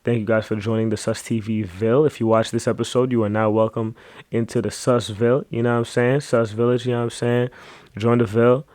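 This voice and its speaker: A man's voice: medium pitch, little pitch movement, fairly quick, a little mellow, no room sound. A man hosting his own podcast, talking alone in a loose, rambling way with many fillers and asides. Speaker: podcast host. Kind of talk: casual solo podcast monologue.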